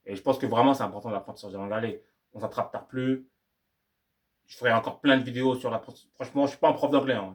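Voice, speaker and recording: A young man talking casually to camera about learning English, rambling and repeating himself in slangy French. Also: lowish voice. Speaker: YouTuber giving language-learning tips. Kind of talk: casual vlog monologue.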